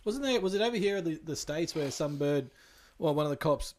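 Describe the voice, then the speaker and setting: A man's voice: fairly high pitch, animated, a little fast. An Australian man chatting casually in a plain-spoken way, with some swearing. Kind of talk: casual chat.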